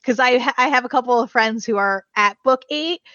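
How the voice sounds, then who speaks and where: A woman's voice: fairly high pitch, fairly quick, sharp tone, no echo, muffled recording. A woman chatting casually as a podcast guest, laughing often as she talks. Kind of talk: casual chat.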